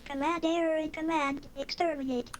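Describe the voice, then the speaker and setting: A speech synthesizer with a clangy robotic voice, repeating the same command in a flat, mechanical way. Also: high voice, moderate pace, slight background noise.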